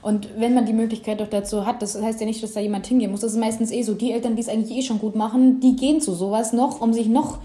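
A young woman answers interview questions with earnest conviction and speaks openly from her own experience. Her voice sits fairly high and sounds mellow rather than bright. The room around her rings with a noticeable echo. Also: steady tone, quick pace, hardly any pauses. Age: young adult. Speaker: interview guest. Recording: roomy echo.

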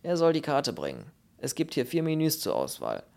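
A man reading the lines of a calm, ironic fellow prisoner in a dry, sardonic manner. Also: medium pitch, normal speed, vocal fry, voice pushed up.

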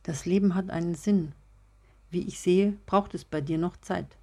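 A woman reading a story aloud, voicing a calm, soft-spoken young man who speaks earnestly about finding inner peace. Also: fairly low pitch, normal speed. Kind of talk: audiobook reading.

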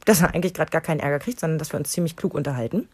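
A German-accented woman hosting a parenting podcast, telling a family story in a relaxed way. Her voice sits on the low side and is recorded dry and close to the mic. She acts out the dialogue as she retells it. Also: rapid-fire, breathy edge, no echo. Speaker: podcast host, mother. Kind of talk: casual storytelling chat.

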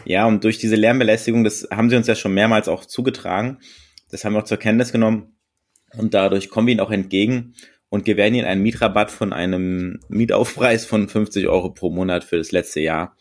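Man playing a deadpan, low-voiced comic caller. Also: quick pace, close to an everyday voice. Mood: smug, deadpan. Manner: deadpan, bureaucratic, wordy. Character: smug, drily polite male landlord's agent and customer. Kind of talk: improvised comic phone role-play.

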